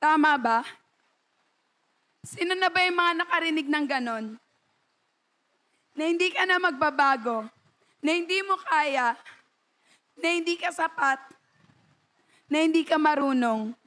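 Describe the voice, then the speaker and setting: Filipino lady preacher, super high voice, takes her time, talks to the church crowd. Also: measured pace, long pauses. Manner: animated preaching, calls to the congregation, acts out quoted pleas. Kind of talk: sermon.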